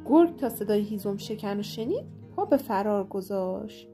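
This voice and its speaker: A woman narrating a children's fairy tale in a lively, expressive storytelling manner. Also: medium pitch. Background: soft guitar music.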